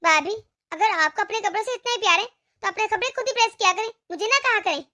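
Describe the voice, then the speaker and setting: A woman's voice: very high voice, fast, sharp tone. A woman voicing a meek young daughter in a cartoon, with a whiny, complaining manner. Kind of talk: cartoon voice acting.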